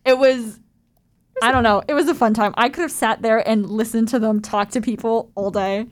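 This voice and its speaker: Rambling young woman, higher voice. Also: steady tone, normal speed. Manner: rambling, scattered storytelling. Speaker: podcast co-host. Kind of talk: casual chat.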